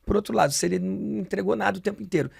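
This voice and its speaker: A man's voice: sits high, gravelly, a little mellow, breathy edge, dry recording, clean studio sound. A Brazilian man hosting a podcast, casual and affirming. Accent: Brazilian Portuguese. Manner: casual, affirming, quick interjections. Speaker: podcast host. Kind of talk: podcast conversation.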